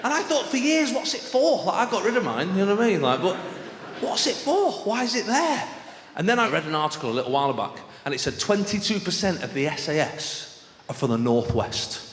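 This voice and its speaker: A man's voice: high-pitched, very animated, a little fast, fairly bright tone. A man with a Mancunian accent performing stand-up comedy to a live audience, telling stories in a chatty, conversational way and acting out exchanges. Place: on stage in a large venue. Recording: echoey live hall with clear background noise.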